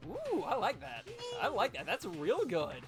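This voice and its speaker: Brief: male stream host, bit high, lively swings, cheers on his cast over game music. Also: measured pace. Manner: upbeat, encouraging, animated. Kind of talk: live stream game voice read-through.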